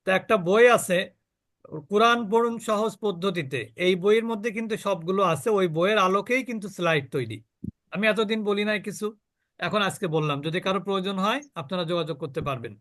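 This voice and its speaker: Man, recitation teacher, high voice, slow drawn-out example words, quick explanations, dry close sound. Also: a bit bright, dry recording. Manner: stretches model words very slowly, then explains quickly. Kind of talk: call-and-response recitation lesson.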